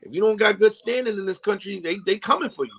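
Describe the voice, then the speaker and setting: A man with a notably high voice, co-hosting a casual podcast. He tells stories in an animated way and often repeats himself as he builds a point. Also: quick pace, slightly rough. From New Jersey. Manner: animated storytelling, repeats phrases. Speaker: podcast co-host. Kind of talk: casual chat.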